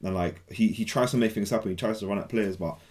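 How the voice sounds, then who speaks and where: Young male with a slightly deep voice, London roadman accent, slangy and repetitive, chatting through a football debate. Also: fast talker, a little mellow. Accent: London, urban roadman slang. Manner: slangy, repeats phrases, often ends on "innit".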